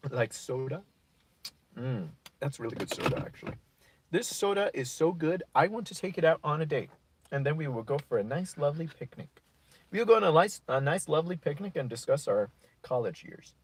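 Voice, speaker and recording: A man's voice: on the high side, lively intonation, fairly quick, breathy edge. A man hosting a casual livestream, chatting and reacting to comments in a rambling, goofy way. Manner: rambling, goofy, improvises silly rhymes. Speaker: livestream host.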